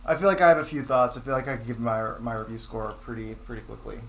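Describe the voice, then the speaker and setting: A man's voice: mid-range voice, fast, gravelly. Guy hosting a chill podcast, kinda rambly, lots of um and like. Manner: relaxed, rambling with fillers. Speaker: podcast host. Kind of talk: casual chat.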